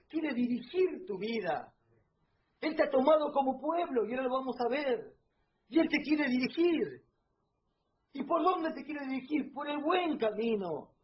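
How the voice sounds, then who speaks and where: Fervent high-voiced preacher. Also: male voice, dull audio, a little hiss or hum. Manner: fervent, swings between hushed and loud emphasis; repeats "beloved brothers" often. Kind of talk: sermon. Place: church service.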